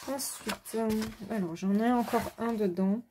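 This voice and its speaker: A woman casually showing her coloring books, rambling with fillers and quick self-corrections. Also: fairly high pitch, noisy background. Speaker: adult coloring hobbyist. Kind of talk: casual show-and-tell.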